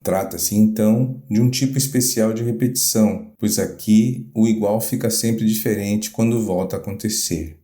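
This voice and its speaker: Measured, low-voiced male music lecturer. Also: steady tone, warm tone. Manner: measured, deliberate academic delivery. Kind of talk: scripted lecture narration. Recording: roomy echo. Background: guitar music.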